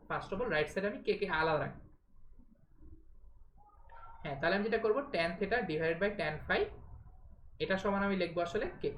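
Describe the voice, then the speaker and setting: A woman's voice: mid-range voice, reverberant, slight background noise. A woman teaching math in a live online class, talking informally, mixing in English words and often checking that students follow. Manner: mixes English words into speech.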